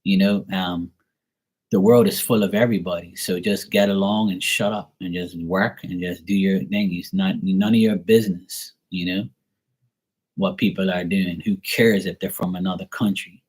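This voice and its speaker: A Bermudian man speaks in a husky, somewhat low voice. He rants bluntly and swears freely, with the loose, off-the-cuff feel of a livestream host talking to his viewers. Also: steady tone, normal speed, darkish tone. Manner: blunt, profane, ranting. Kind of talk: casual livestream rant.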